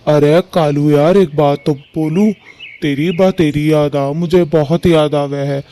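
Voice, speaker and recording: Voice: medium pitch, fairly even intonation, unhurried, mellow, close to an everyday voice. A performer voicing an old, ailing male bird father in a cartoon, complaining in rustic village speech.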